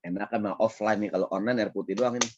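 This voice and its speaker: A man preaching a casual sermon in a Jakarta Betawi accent, lively and playful, often checking in with his audience. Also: fairly low pitch, quick pace, no room sound, lo-fi sound. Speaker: Islamic preacher. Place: online session.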